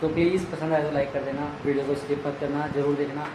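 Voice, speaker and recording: This young vlogger from India is a fast talker, his slightly high voice level in tone as he chats casually to camera with hand gestures for a travel vlog. Filmed by phone at arm's length on a busy summer roadside and in a small room at home, the audio is echoey with loud street noise and traffic in the background.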